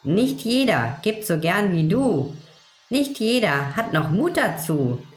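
A woman voicing a gentle, kind little male Christmas elf, who speaks in soft soothing rhymes. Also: mid-range voice, very animated, slow. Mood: comforting. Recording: roomy echo with faint music.

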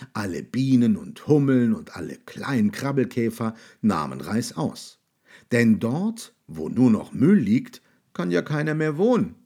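A man reading a children's story aloud with a soft, slightly husky, warm voice. His pitch moves a lot as he tells the tale, and he stretches key words slowly for emphasis. Expressive, unhurried storytelling.

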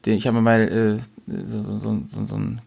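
A man's voice: fairly low pitch, little pitch movement, normal speed, vocal fry, a little mellow, slightly rough. A man co-hosting a casual podcast chat, thinking aloud in an easy way with frequent fillers. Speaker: podcast co-host.

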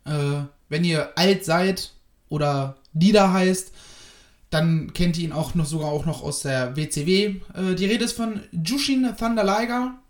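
A man's voice: high voice, unhurried, reverberant. A man giving a casual spoken review of a wrestling show, hesitant and rambling with many fillers.

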